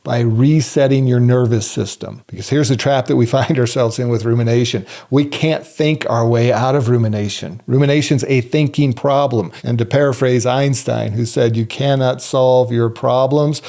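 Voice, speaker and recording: A man talks through self-help advice in an earnest, coaching way. His voice is warm and mellow, with a gravelly rasp. He speeds through some phrases and slows down hard on others for emphasis. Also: medium pitch, fairly even intonation. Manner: earnest, coaching, shifts between quick and slow emphatic phrasing. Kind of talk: explanatory talk to camera.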